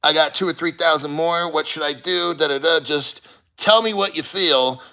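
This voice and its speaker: Bright, forceful middle-aged man, rambling livestreamer. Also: on the high side, creaky. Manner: rambling, profane, halting. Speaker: crypto livestream host. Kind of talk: casual livestream chat, reading viewer comments.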